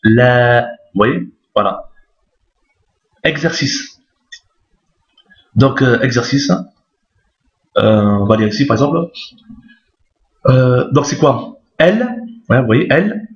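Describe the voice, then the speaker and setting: In a recorded Arabic alphabet lesson with roomy, dull lo-fi sound, a man of medium pitch speaks slowly with long pauses and lively intonation. He teaches patiently and repetitively, regularly making sure his listeners keep up.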